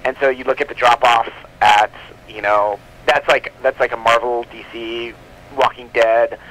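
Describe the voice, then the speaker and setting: This comic book publisher, a man appearing as an interview guest, talks about his business in a loose, rambling way, frequently rewording himself partway through. He keeps a level tone at a moderate pace, his mid-range voice a bit bright, though the audio quality is poor.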